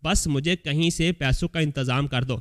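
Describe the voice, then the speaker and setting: A man reading a scripted story aloud as a voice-over, telling it in the first person as an elderly mother in a steady storytelling manner. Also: fairly high pitch. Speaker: story narrator. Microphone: voice-over recording.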